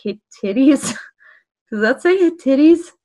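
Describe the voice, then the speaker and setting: A woman's voice: high voice, lively intonation, extremely slow, mellow, low-quality recording. A woman co-hosting a casual beer review, chatty and giggly, reading facts aloud between sips. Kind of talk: casual chat.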